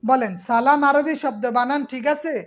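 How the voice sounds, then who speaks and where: A woman's voice: high-pitched, normal speed. A woman teacher giving an exam-prep class, patiently repeating terms and quizzing her students.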